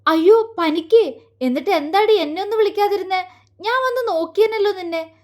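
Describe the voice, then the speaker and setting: A woman's voice: sits high, moderate pace, a little mellow, close to an everyday voice. A woman voicing an outspoken young woman who is fiercely loyal to her friend, in an audio story. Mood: alarmed. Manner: blunt, earnest, caring.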